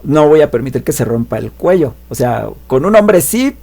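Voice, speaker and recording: A man voicing a worried, protective horse owner in a retold story, slow and pleading. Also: on the high side, big pitch swings, vocal fry, dark tone.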